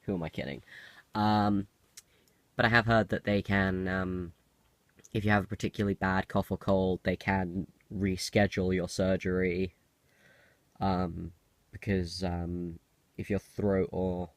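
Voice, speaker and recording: A young man talks in a low, gravelly voice, roughened slightly by a cold. He gives a casual video-diary update, hesitating and doubling back on himself as he rambles. The recording is close and dry. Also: little pitch movement, unhurried, long pauses, dry recording. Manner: hesitant, self-interrupting. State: has a cold. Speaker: video diarist.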